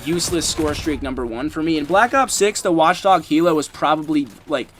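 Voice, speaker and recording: A man's voice: fairly high pitch, a little fast. A young man giving casual, rambling commentary over gameplay, swearing often and filling gaps with ums and likes. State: has the hiccups. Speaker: gaming YouTuber.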